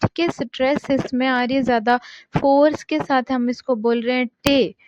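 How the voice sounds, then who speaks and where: A woman's voice: sits high, fairly even intonation, darkish tone, dry recording. A woman teaching an English lesson, patient and repetitive, mixing Hindi and English. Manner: slow, patient, repeats points with "theek hai". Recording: dull lo-fi.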